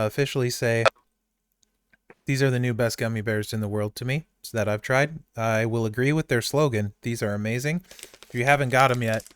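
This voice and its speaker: A man's voice: medium pitch, clear, resonant tone. A man hosting a casual podcast chat, talking in an easygoing, enthusiastic way. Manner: chatty, gushes over candy while chewing. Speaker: podcast host.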